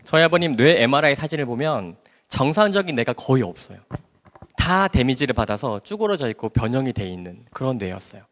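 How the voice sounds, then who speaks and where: A man tells his church testimony with emotional storytelling, his pitch swinging widely. He speaks in a large hall, and a long reverb follows his voice. His pitch sits in a middle range. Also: sing-song, fairly quick, a bit bright. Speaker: doctor giving a testimony.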